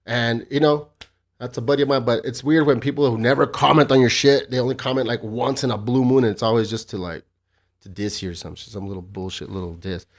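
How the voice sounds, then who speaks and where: A man's voice: medium pitch, steady tone, brisk. A man hosting a casual solo podcast, rambling and joking with heavy swearing and a sarcastic edge. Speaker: podcast host.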